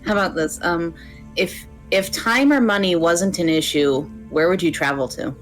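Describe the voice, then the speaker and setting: A woman's voice: lowish voice, normal speed, soft background music. A woman in a casual group chat, easygoing as she steers the conversation to new topics.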